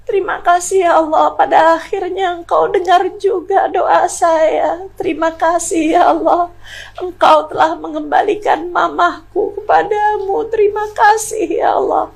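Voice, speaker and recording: A woman's voice: very high-pitched, fairly even intonation, unhurried, gravelly, voice pushed up, full character voice. A woman voicing a grateful young girl tearfully praying. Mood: tearful thanks.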